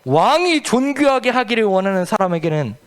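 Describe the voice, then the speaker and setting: A man's voice: very animated, a little fast. A man voicing a commanding ancient king who speaks in grand, old-fashioned royal phrases in a children's Bible story. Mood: questioning. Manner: grand archaic royal speech, pitched up. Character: commanding ancient king, generous then furious.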